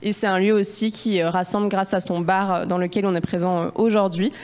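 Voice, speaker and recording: A woman welcomes the audience to her venue, a bar that hosts public debates. Her voice is smooth and resonant at a middle pitch. She fills nearly every phrase with pauses and hesitations. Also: steady tone, a little mellow. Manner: halting, filler-heavy. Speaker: venue host. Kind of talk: welcome speech.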